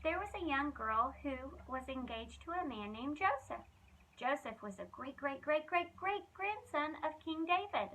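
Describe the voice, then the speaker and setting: Reading a children's storybook aloud, a woman with a high, bright voice tells the tale expressively at a moderate pace, giving key phrases dramatic weight the way a children's ministry reader might. The recording quality is rough.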